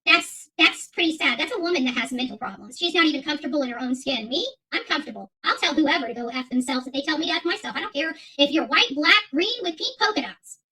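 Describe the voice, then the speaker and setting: This woman runs an online commentary channel and is delivering an unscripted, combative rant, hammering her points by repeating phrases. Her high, sharp voice is animated and quick, with hardly any pauses, and the recording quality is low.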